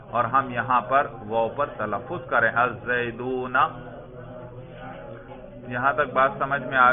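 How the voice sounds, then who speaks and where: Male grammar teacher, tinny phone-like sound. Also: mid-range voice. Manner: asks students questions, repeats and explains patiently. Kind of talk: classroom lesson.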